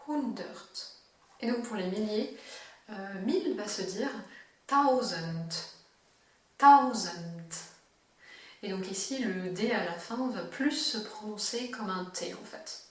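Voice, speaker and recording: A French-speaking woman teaching German, who explains patiently and repeats each word slowly for practice. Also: mid-range voice, very echoey, distant mic. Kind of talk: language lesson, slow clear explanation.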